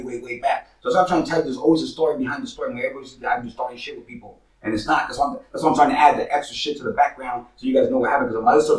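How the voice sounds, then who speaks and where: A man's voice: mid-range voice, roomy sound, recorded from a distance, poor audio. A man from Northern California in his forties, telling his own street stories in casual slang, often saying "money" and "you feel me.". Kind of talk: casual storytelling to camera.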